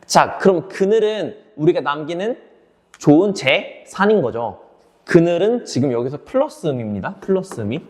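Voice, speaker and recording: Brisk male English lecturer quizzing himself. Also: on the high side, big pitch swings. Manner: explains sentence by sentence, asks and answers his own questions; switches between English words and explanation, addresses students directly. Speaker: English teacher. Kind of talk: online exam lecture.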